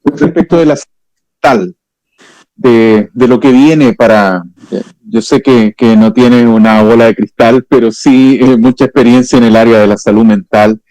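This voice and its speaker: Mellow man asking haltingly. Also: mid-range voice, no echo, rough recording. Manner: hesitant, halting questioning. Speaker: professor asking a question.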